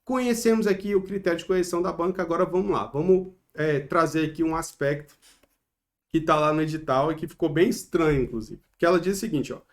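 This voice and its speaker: A man's voice: on the high side, quick pace. A man with a Brazilian Portuguese accent teaching an online exam-prep lesson, explaining step by step and often checking in with tag questions.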